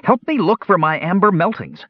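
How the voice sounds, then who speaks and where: Storybook kender: a small, excitable male trickster, high and eager, with a husky edge and lively swings in pitch, as a male narrator puts him on. Dull, lo-fi recording. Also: normal speed, dry recording, full character voice. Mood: urgent.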